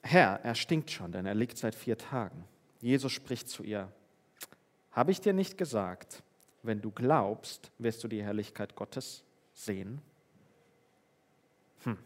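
A man's voice: lowish voice, animated, takes it slowly, pauses often. A man giving a sermon, reading Bible verses and talking with the congregation in a conversational way, often asking them questions. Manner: conversational, asks the listeners questions. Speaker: preacher.

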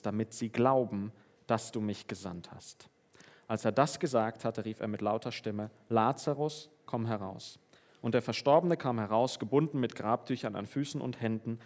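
A man's voice: lowish voice, darkish tone. A man giving a sermon, reading Bible verses and talking with the congregation in a conversational way, often asking them questions. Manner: conversational, asks the listeners questions. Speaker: preacher.

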